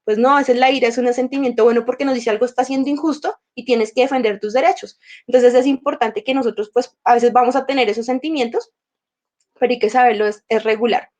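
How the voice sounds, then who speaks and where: A woman's voice: on the high side, fairly even intonation, quick pace, darkish tone. A woman leading an emotional intelligence workshop, talking conversationally and acting out inner dialogues with her emotions, her throat a little sore. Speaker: workshop teacher.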